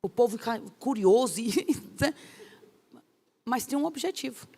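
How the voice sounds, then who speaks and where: A woman pastor, teaching a course in an emphatic, lively way with rhetorical questions. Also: on the high side, unhurried.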